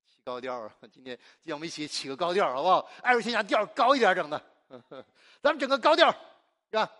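A man's voice: high-pitched, very animated, a little fast, bright, forceful tone. A man from China preaching a sermon, exuberant and emphatic, asking the congregation questions and answering them himself. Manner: call-and-response, asks the congregation and answers himself; exuberant and emphatic, laughs often.

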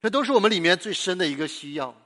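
A male pastor preaching with a somewhat high, bright and forceful voice. He swings from loud emphasis down to near-hushed lines and keeps putting questions to his listeners. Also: expressive, racing. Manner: repetitive rhetorical questions to the listeners. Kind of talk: sermon.

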